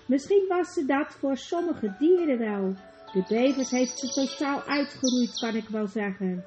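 A woman's voice: on the high side, low-quality recording. A woman voicing a bitter, defiant male dwarf who argues with scorn and snaps. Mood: cold. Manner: scornful, snapping, rising to shouts.

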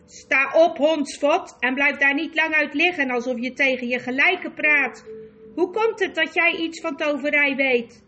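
A woman voicing a towering, imperious queen witch who speaks with loud, commanding contempt in an audiobook. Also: high-pitched, lively intonation, unhurried, muffled recording, a little hiss or hum, exaggerated voice. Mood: scornful. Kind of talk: audiobook character voice.

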